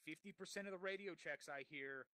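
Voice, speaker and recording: A man's voice: on the high side, a little fast, over a noisy crowd, rough recording. A man leading a military-roleplay debrief as unit commander, speaking bluntly and swearing heavily over game voice chat.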